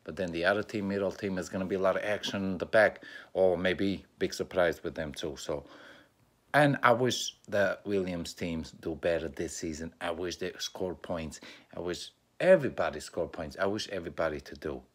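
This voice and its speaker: Very low-voiced Albanian-accented man. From North Macedonia. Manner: halting, many fillers and restarts. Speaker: YouTuber. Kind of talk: casual race preview monologue.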